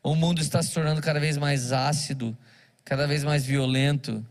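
A man's voice: fairly high pitch, fairly even intonation, normal speed. A man, a pastor, preaching a sermon, telling stories and acting out the dialogue. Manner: storytelling with acted-out dialogue.

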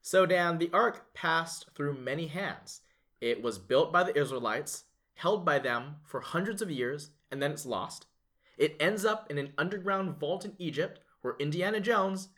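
A man's voice: fairly high pitch, expressive, moderate pace, bright, forceful tone. A man co-hosting a casual legal podcast, recapping a movie plot with enthusiastic build-up. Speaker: podcast co-host, lawyer.

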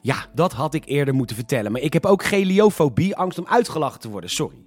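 Animated, sarcastic male news host. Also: a little high, quick pace, faint music behind. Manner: sarcastic, mock-indignant, bursts into shouting. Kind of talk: scripted satirical news commentary.

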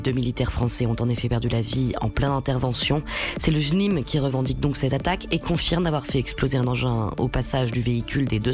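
Man reading the news over soft music. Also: medium pitch. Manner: measured, formal. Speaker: newsreader.

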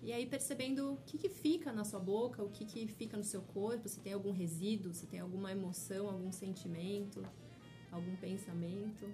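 A woman teacher guiding listeners through a slow mindfulness exercise in a relaxed chat, speaking in a soothing, unhurried way. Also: medium pitch, over music. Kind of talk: guided mindfulness instruction in a casual chat.

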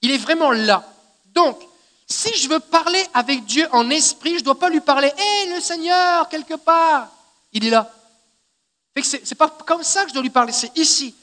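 A man with a Québécois French accent preaches a sermon in a high, bright and sharp voice. He teaches in a chatty way and keeps checking that his listeners follow. His voice rings with a long reverb, as in a church hall. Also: normal speed. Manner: conversational teaching, often checking in with "d'accord?". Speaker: pastor.

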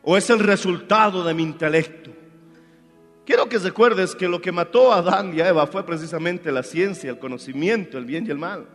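High-voiced fervent man preaching in a church. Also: normal speed. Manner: fervent preaching, swings from shouts to hushed asides. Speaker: pastor. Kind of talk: sermon. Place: church hall. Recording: hall reverb with faint music.

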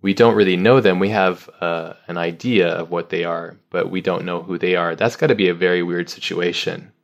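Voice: deep voice, fairly even intonation, normal speed, gravelly, muffled recording. A podcast host in his thirties, talking in a rambling, philosophical way in casual conversation. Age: 30s. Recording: roomy with faint ambient noise.

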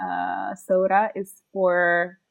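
A woman's voice: on the low side, big pitch swings, very slow, creaky, phone-quality sound, faint music behind. A young woman from Sudan co-hosting a podcast, casual and hesitant, with fillers and swearing. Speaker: podcast co-host.

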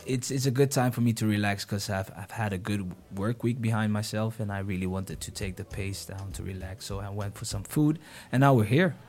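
A young man from the Netherlands, a guest talking casually in an interview, relaxed and hesitant with frequent restarts. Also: on the low side, fairly quick, few pauses, soft background music.

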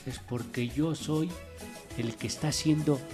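A man's voice: a little high, measured pace, music in the background. A man with a Mexican accent co-hosting a podcast in casual chat, joking and slangy. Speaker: podcast co-host.

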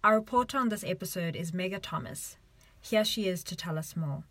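A woman's voice: on the low side, animated, a little fast, a bit bright, no echo. A woman host formally reading a scripted introduction. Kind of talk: scripted narration.

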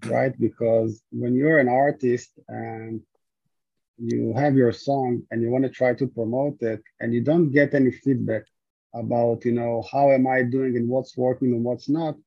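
With a gravelly, somewhat mellow mid-range voice carrying a breathy edge, a startup founder from Israel responds at length as an interview guest. He hesitates often, filling his speech with fillers and restarts, and the lo-fi audio is dull with no room sound.

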